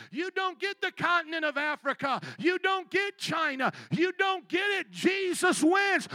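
A male pastor preaching a sermon, calling out to his congregation for responses and moving from low, quiet passages up to loud shouted peaks. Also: dry recording.

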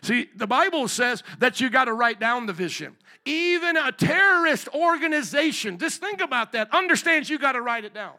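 A man preaches through a pulpit microphone with a high, bright, forceful voice. He drives the sermon with emphatic call-and-response, pressing the congregation to answer him. The sound is that of a church service picked up at the pulpit. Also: expressive, normal speed, hardly any pauses. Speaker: pastor. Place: church sanctuary.

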